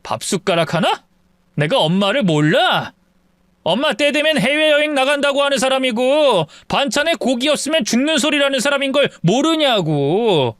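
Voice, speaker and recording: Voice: sits high, sing-song, moderate pace, fairly bright tone, dry recording, studio quality. A narrator voicing a cold, irritable middle-aged husband who lectures his mother. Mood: irritated.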